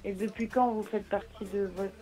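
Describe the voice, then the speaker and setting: A woman speaks over the phone as a helpline operator. Her mid-pitched voice halts and restarts as she talks, with faint music behind. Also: steady tone, normal speed, warm tone. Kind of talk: phone conversation.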